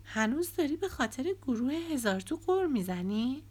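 A woman's voice: sits high, very animated, a little mellow, voice pushed up. A woman reading an audiobook, voicing a tense, defensive young woman who used to write songs for a band.

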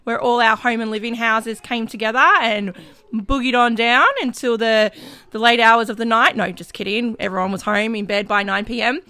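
A woman's voice: on the high side, level tone, moderate pace, bright, forceful tone, dry recording. A woman guest in a casual interview, explaining things in an upbeat way with the odd joke. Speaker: team leader guest.

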